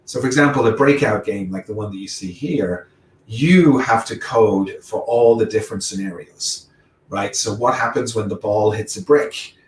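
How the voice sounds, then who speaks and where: A man with a lowish voice and a blended Irish, Welsh, English and American accent gives a technical talk as a guest speaker at a moderate pace. He explains ideas step by step, walking through examples, and the distant mic leaves the sound reverberant.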